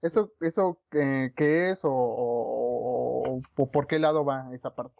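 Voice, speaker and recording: A man with a Mexican accent hosting a casual podcast chat, talking haltingly with many restarts. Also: medium pitch, creaky, no echo, dull audio.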